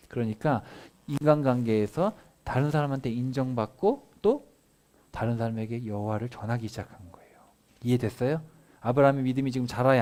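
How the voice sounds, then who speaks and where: A male pastor preaching to a congregation of all ages. He tells the scripture as an animated, conversational story. He keeps turning to his listeners with rhetorical either-or questions, at a middle pitch. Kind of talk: family sermon, casual retelling of scripture.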